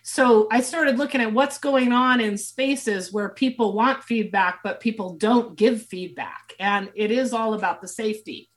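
A woman's voice: fairly high pitch, measured pace, hardly any pauses. A woman consultant answering interview questions in an earnest, thinking-aloud way, full of fillers and restarts, while she is losing her voice. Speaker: leadership and team consultant, guest.

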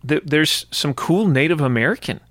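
A man hosting a radio interview, chatty and quick to cheer his guest on. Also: fairly high pitch, lively intonation, a bit bright, no echo, studio quality. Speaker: radio host.

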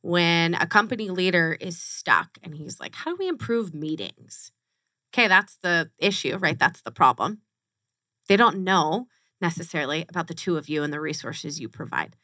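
A woman's voice: lowish voice, lively intonation, moderate pace, pushed and bright, no room sound, studio quality. A woman hosting a podcast interview, enthusiastic and chatty, who laughs often. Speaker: podcast host. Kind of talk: casual interview chat.

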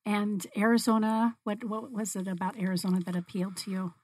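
A woman's voice: medium pitch, flat delivery, brisk, darkish tone, no echo. A woman hosting a casual interview and prompting her guests. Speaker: interview host.

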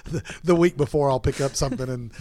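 A man's voice: mid-range voice, quick pace, warm tone. A man co-hosting a show, chatting and teasing his co-host. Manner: teasing, joking. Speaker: radio co-host. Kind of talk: casual chat.

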